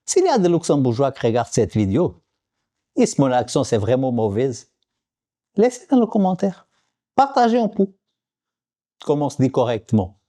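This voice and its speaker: A man's voice: medium pitch, very animated, moderate pace, pauses often, warm tone. A man from Portugal with a Portuguese accent, talking in a casual vlog and repeating words over and over as he teaches them. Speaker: vlogger. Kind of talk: casual language-learning vlog.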